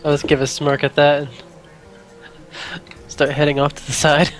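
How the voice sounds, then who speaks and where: A man's voice: fairly high pitch, monotone, moderate pace, faint music behind. A man playing casually in a tabletop game, laid-back and laughing often. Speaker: player.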